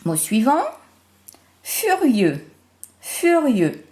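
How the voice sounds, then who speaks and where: Woman, primary teacher, remote phonics lesson; unhurried, animated pitch, deliberate letter-by-letter delivery. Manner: slow, deliberate, spells out syllables and sounds.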